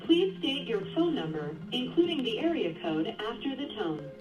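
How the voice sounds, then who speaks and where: Recorded phone message from a lively woman. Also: fairly high pitch. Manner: polite, instructing, measured. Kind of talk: scripted automated phone menu voice-over. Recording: distant phone-line recording with music behind.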